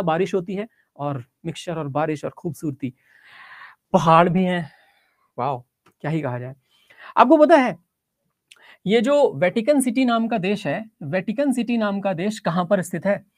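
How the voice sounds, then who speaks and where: A woman's voice: medium pitch, darkish tone, dry recording, clean studio sound. A woman teacher giving a geography lesson, explaining step by step, checking in with her students and mixing English phrases into her Hindi.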